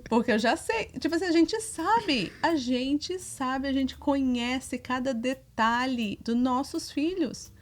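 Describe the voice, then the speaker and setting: Lively high-voiced woman. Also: slow, hardly any pauses. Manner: animated, acts out quoted dialogue with her children. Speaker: co-host.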